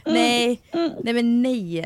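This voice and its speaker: A young woman with a slightly high voice on a close, dry podcast mic. She mostly reacts, with quick short interjections and small gasps, keeping a conversation going with her friend. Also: clean tone, no room sound. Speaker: podcast co-host. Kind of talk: casual chat.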